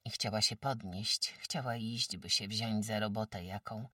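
Low, husky woman narrating a story. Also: steady tone, a little slow, sharp tone, no echo, clean studio sound, distant mic. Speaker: audiobook narrator. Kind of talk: scripted narration of a classic novel.

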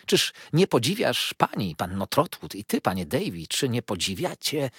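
A man voicing a fussy, chattering old mother-in-law who gushes loudly and turns indignant. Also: big pitch swings, moderate pace, slightly rough, no room sound, studio quality, full character voice. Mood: gushing. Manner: shrill, gushing and loud.

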